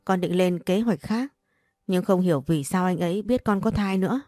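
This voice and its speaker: A woman's voice: lowish voice, moderate pace, mellow, no room sound, studio quality, soft background music, lightly acted. A woman reading the lines of a desperate young wife in a spoken story, pleading.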